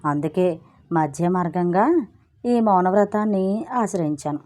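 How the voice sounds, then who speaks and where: A woman's voice: lowish voice, animated, unhurried, dark tone. A woman voicing a wry, gossipy wife in a storybook. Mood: complaining. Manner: breezy, gossipy, self-justifying. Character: chatty married woman, wry and complaining.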